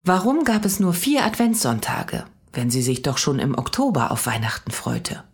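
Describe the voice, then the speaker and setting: A woman reading a children's story aloud, calm and steady. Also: deep voice, moderate pace, husky. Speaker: narrator.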